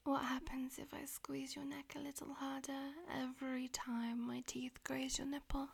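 A woman voicing a dominant, teasing female demon in an audio roleplay, speaking mostly in breathy, domineering whispers. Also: sits high, level tone, normal speed.

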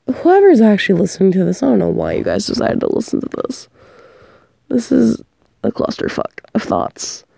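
This young woman performer is sick and coughing as she rambles casually, her thoughts drifting. Her medium-pitched voice is mellow with gravelly fry, swings widely in pitch at normal speed, and sounds close and dry with no echo.

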